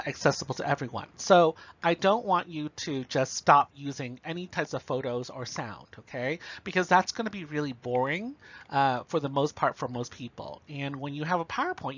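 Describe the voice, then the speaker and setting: A man's voice: a little high, a bit bright, lo-fi sound. Man lecturing with frequent check-ins. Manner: explanatory, checks in with okay and right. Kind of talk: recorded lecture.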